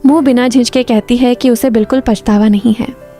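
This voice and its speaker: Female recap narrator, slightly high voice, smooth and even scripted storytelling. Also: brisk, soft background music.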